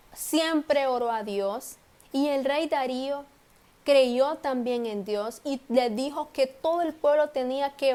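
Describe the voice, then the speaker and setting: A woman teaching a children's Bible class, telling the story slowly and simply, often correcting herself mid-phrase. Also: high-pitched, a little mellow. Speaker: Sunday school teacher.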